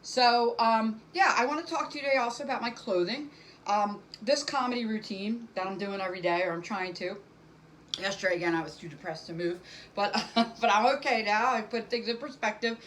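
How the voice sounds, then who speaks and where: A woman's voice: mid-range voice, fairly quick, fairly bright tone, a little hiss or hum, poor audio. A middle-aged woman doing a casual stand-up monologue to camera from home, rambling and self-deprecating with many fillers. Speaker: stand-up comic.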